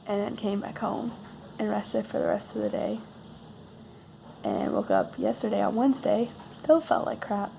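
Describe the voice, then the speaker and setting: A woman vlogger talks in a creaky, sick voice that is close to giving out. Her tone is dark and relaxed as she rambles casually through a personal story with wry understatement. Some background noise sits under the recording. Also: medium pitch, normal speed, low-quality recording. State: losing voice while sick.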